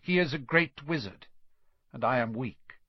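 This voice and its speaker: A man's voice: medium pitch, lively intonation, measured pace, slightly rough, dry recording. A man voicing a scheming male wizard teacher, cold and servile, in an audiobook reading. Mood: fearful, devoted. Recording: dull lo-fi dry recording.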